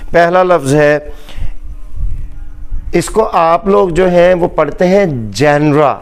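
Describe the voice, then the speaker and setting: A man with a Pakistani accent giving a slow, deliberate English pronunciation lesson, repeating each word for emphasis. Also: on the high side, darkish tone, clear, resonant tone. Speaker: English teacher.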